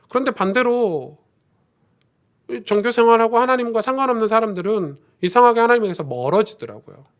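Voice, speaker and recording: Middle-aged pastor guy preaching in church, kinda high voice, storytelling then gets fired up praying. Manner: storytelling, swells to fervent high-pitched prayer. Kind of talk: sermon. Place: church sanctuary.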